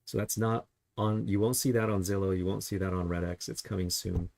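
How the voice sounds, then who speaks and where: This real estate agent's voice sits low and gravelly with a slightly mellow edge, and he talks briskly with fairly even intonation. Reviewing the market as he browses property listings, he keeps it casual and chatty, throwing in rhetorical questions. There's no room sound on the recording.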